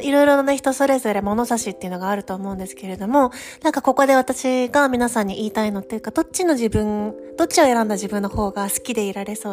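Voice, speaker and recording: A woman's voice: fairly high pitch, darkish tone. A woman hosting a solo podcast as a coach, chatting to her listeners in a conversational, encouraging way. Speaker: podcast host and France study-abroad career coach.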